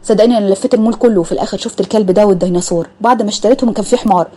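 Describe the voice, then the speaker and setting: A woman voicing a playful young man teasing his fiancée, in an Egyptian accent, with a soft, low-keyed delivery. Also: very fast, natural voice. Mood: joking. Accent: Egyptian Arabic.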